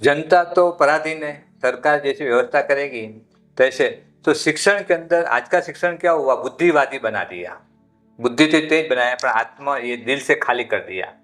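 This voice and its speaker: Male monk guest, rambling anecdotal teacher, emphatic high rises, faint music bed. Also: moderate pace, a bit bright. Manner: rambling storyteller, rises sharply in pitch when stressing a point. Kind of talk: podcast interview, teaching with stories.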